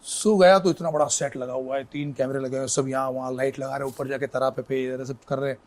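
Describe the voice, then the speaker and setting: A middle-aged man, an actor as an interview guest, telling anecdotes in a casual, lively way and slipping English phrases in. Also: medium pitch, fast.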